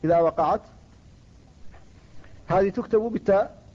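High-voiced man giving a measured lecture. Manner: measured, explanatory, slows to quote verses and poetry. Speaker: Quran recitation teacher. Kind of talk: classical Arabic lecture on recitation rules. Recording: dull lo-fi recording.

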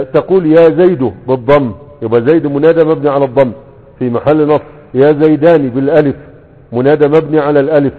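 A man with an Egyptian accent teaching Arabic grammar, who keeps posing questions to the class and answering them himself. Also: medium pitch. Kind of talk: grammar lesson explaining a classical text. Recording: tinny phone-like sound with long hall reverb.

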